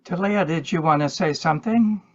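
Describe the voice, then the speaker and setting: A man hosting a spiritual group, speaking in a measured, reflective way with pauses, on a dull recording. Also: on the high side. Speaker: group host and meditation leader. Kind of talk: spiritual talk and group facilitation.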